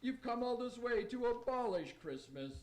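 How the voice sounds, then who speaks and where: Man playing a high-voiced, genial Santa Claus. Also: expressive, normal speed. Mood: calmly reproving. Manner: polite, gently reproving rhymed speech. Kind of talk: verse radio play acting.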